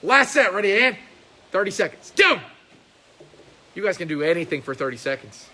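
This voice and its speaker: A man teaching a karate class, shouting counts and commands and cheering students on, in a training hall with mirrors. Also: high-pitched, very animated, normal speed. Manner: loud barked commands and upbeat encouragement. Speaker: karate instructor. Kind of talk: live coaching of a class.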